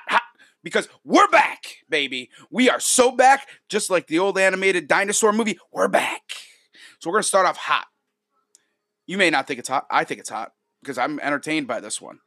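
A man's voice: a little high, pushed and bright, no echo, studio quality. A man from upstate New York hosting a sports podcast, talking casually and with opinion, repeating phrases for emphasis. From Rochester, New York, United States.

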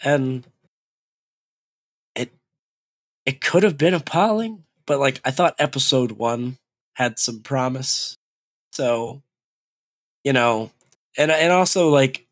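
A man's voice: medium pitch, lively intonation, slow, pauses often, a bit bright, no room sound. A man co-hosting a casual anime podcast, blunt and swearing freely as he rants about a show. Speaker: podcast co-host reviewing anime. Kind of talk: casual profane banter.

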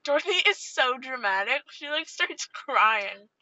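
Young woman co-host, bright and a touch high, teasing, casual car chat, slightly dull sound. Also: lively intonation, a little slow, no echo. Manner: teasing, dry. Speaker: podcast co-host. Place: parked car.

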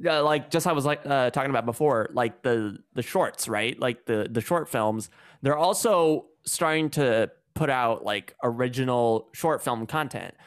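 A man's voice: mid-range voice, normal speed, smooth. A young man hosting a casual stream from his room at home, talking in a rambling way with lots of fillers and restarts. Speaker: stream host. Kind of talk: casual chat.

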